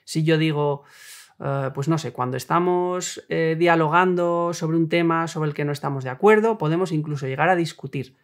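Man explaining calmly, fairly high voice. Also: normal speed. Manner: calm, reasoned explaining with worked examples. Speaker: self-help video host. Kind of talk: explanatory talk on relationships.

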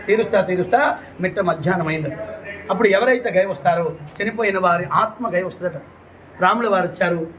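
A man, a priest, telling a religious story lively, with rhetorical questions and long lists. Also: sits high, a little hiss or hum, low-quality recording. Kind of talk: storytelling talk.

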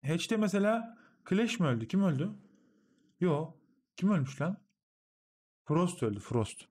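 A man's voice: high voice, big pitch swings, unhurried, a little mellow. A man streaming and explaining a game replay to his teammates, coaching in a casual, slangy way. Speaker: streamer analyzing a match replay.

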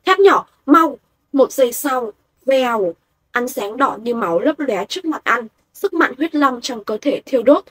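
Audiobook narrator, woman, husky high voice, dry close sound. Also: moderate pace, few pauses, dry recording. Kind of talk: scripted narration.

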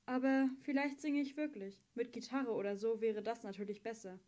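A woman's voice: a little high, steady tone, moderate pace, warm tone, close to an everyday voice. A woman reading an audiobook, voicing a weakened, chained teenage girl who talks plainly and wryly. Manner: wry and plainspoken. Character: weak, chained teenage girl singer, wry.

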